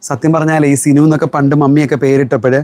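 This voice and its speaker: A man's voice: fairly high pitch, steady tone, racing, darkish tone, no echo. A middle-aged man from Kerala, a shop owner chatting through a live sales stream and answering viewer comments. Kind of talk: live-stream product selling.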